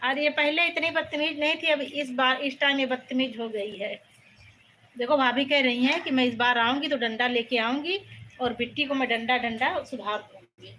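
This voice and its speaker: A woman's voice: high voice, moderate pace, pushed and bright, slight background noise. A woman hosting a casual live stream from a room at home on a phone. She greets viewers by name and scolds a child off to the side.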